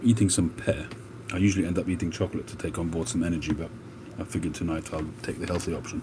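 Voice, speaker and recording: On a live stream, a host from England with a very deep voice chats in a relaxed, meandering way, his London accent blending Cockney and North London. He speaks slowly with many filler pauses and little pitch movement, while traffic and street noise come through clearly behind him.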